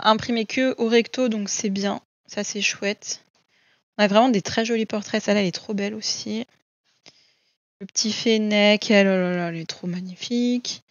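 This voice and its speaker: Brief: a chatty woman gushing over her books, mid-pitched voice, close dull home recording. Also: dry recording. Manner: chatty and gushing, frequent "euh" and repeats. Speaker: coloring book vlogger. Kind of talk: casual chat showing books.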